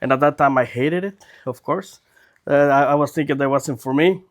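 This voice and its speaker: A man's voice: a little high, normal speed. A man in his forties with a Mexican accent, a native Spanish speaker, chatting casually as a podcast guest telling his story. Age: 40s. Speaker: podcast guest, dental technician.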